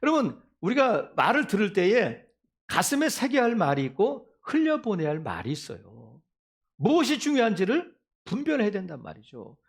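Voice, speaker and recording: A male pastor preaching a sermon in an animated way, acting out quotes from scripture. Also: sits high, moderate pace, husky.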